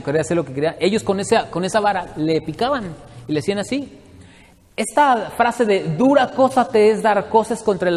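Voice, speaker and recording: A man's voice: high voice, darkish tone, big-room sound. A man from Mexico, teaching a Bible study to his congregation in a conversational way and often asking them questions.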